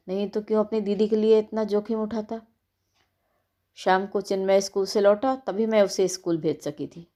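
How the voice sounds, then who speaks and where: Calm woman narrating a story. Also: medium pitch. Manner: calm, even first-person storytelling. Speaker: story reader.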